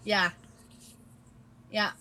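A woman's voice: drawn-out words, bright, forceful tone. A woman co-hosting a podcast in casual chat, blunt and teasing toward her co-host.

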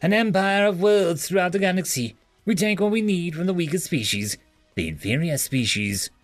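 A man's voice: high-pitched, lively intonation, moderate pace, no echo, soft background music, pitched above the performer's own voice. A man voicing a proud, contemptuous male alien prisoner who speaks with disdain. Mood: scornful. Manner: haughty, disdainful.

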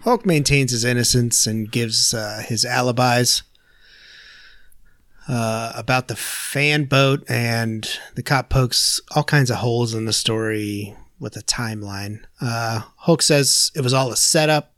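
A man's voice: mid-range voice, a little slow, a bit bright, dry recording, clean studio sound. A man casually recapping a TV episode's plot for his co-hosts, rattling it off with lots of filler uhs. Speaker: podcast host recapping episodes.

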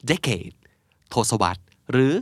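A man's voice: very slow, dry recording, studio quality. A young adult man hosting a casual vocabulary lesson, chatting through explanations and spelling words out letter by letter. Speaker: English teacher and host.

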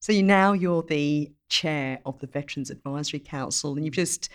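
A woman interviewing a guest on a podcast, asking long, thoughtful questions with softening words. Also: deep voice, moderate pace.

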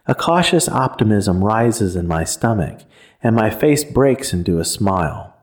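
A man narrating a first-person horror story in a measured, somber way. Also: fairly low pitch, expressive.

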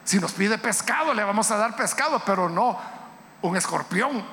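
A man preaching an impassioned sermon as pastor, rising often into shouts. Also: high-pitched, animated, moderate pace. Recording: hall reverb, faint background noise.

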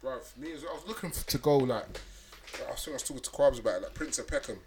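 A man's voice: mid-range voice, quick pace, a little mellow, slight background noise. A young man with a London roadman accent, chatting casually in slang and often repeating himself. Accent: London roadman, multicultural London slang. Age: young adult. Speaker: podcast co-host. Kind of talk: casual chat.

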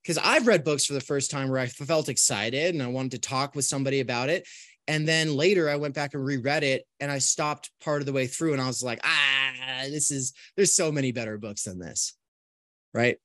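A man teaching an online philosophy course in an informal, conversational lecture style, thinking aloud with animated asides and restarts. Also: mid-range voice, brisk, no echo, studio quality.

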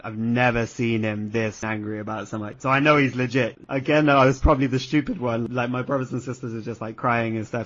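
A man's voice: medium pitch, a bit bright. A young man tells a story from his childhood, loose and rambling, sprinkling in swears and easy laughter. His voice sits mid-range and the recording sounds a touch dull and lo-fi. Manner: laughs often, swears freely, rambling filler-heavy storytelling. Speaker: guest telling a life story. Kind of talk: casual storytelling chat.

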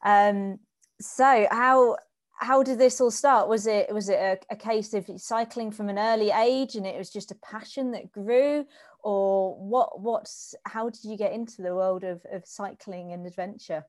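Woman podcast host, chill conversational questions, middle pitch. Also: fairly even intonation, unhurried. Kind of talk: casual interview.

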